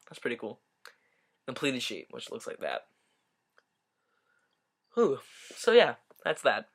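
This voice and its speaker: A man's voice: medium pitch, wildly swooping pitch, slow pace, husky. Rambling young man explaining, restarting often. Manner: rambling, self-correcting, joking asides. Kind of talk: casual explainer video.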